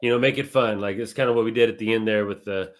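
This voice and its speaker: A man's voice: fairly low pitch, steady tone, fast talker. A man co-hosting a casual talk show, explaining things step by step in a conversational way. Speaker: co-host. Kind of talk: casual chat.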